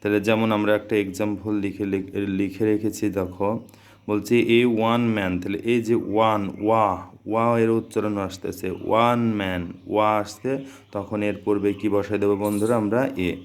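A man's voice: lowish voice, level tone, moderate pace, a little mellow. A man teaching a grammar lesson, who keeps asking questions and answering them himself.

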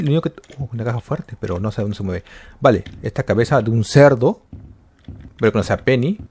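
A man giving excited commentary on a horror game, yelping and repeating words when scared. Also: mid-range voice, slight background noise. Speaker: gaming YouTuber.

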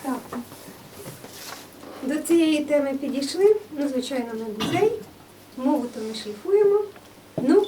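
A woman from the museum staff talking an audience through the exhibits in a steady, explanatory way. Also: high voice, a little hiss or hum. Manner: steady, explanatory, with occasional fillers. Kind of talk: guided talk about exhibits. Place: indoor museum room. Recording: distant room microphone.

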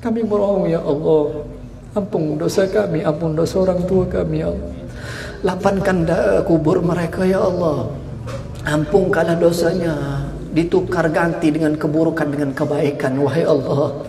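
A man's voice: a little high, normal speed, gravelly, slight background noise. A man preaching at an evening religious gathering, telling stories with animation and leading a long chanted prayer. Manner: animated storytelling, chanting supplications. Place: community prayer house during a gathering. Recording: roomy, mic at a distance.

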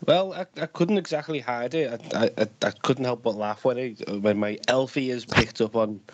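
A man's voice: medium pitch, normal speed, muffled recording, a little hiss or hum. A man playing a tabletop game, chatting casually and stammering playfully in character. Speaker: player.

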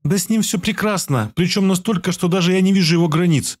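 A man voicing a shy, earnest young female healer in a raised, soft voice for an audiobook. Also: fast. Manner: high, soft and pleading.

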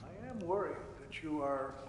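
An actor playing a calm male doctor who questions a patient in a measured, clinical way. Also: a little high, lightly acted. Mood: calm probing. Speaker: game character. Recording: game audio in a reverberant room with faint noise.

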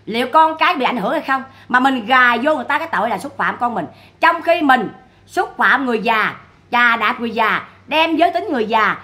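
A woman's voice: a little high, pushed and bright. A woman giving scornful livestream commentary on online drama, firing repeated rhetorical questions.

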